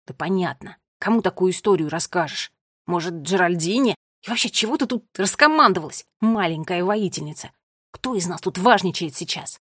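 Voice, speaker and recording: A woman reading aloud, voicing a brash, defensive boy in a lowered, hushed voice in a storybook. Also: lively intonation, a little fast, slightly rough, no echo, clean studio sound. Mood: mocking.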